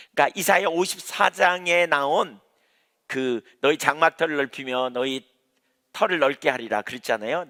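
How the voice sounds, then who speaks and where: A man's voice: a little high, sharp tone. A man preaching an evening sermon in church as its pastor, emphatic, repeating key phrases and asking rhetorical questions. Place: church, evening prayer service. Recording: reverberant church hall.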